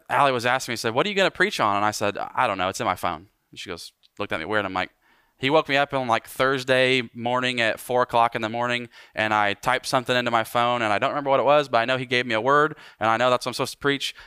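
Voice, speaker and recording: Bright, clear-voiced man preaching. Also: medium pitch, dry recording, studio quality. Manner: animated preaching, slows for emphasis. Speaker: pastor. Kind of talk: sermon.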